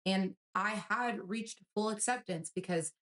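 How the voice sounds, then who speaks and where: A woman's voice: medium pitch, unhurried, fairly bright tone. A young woman telling a personal story with earnest emotion, in a casual storytime style.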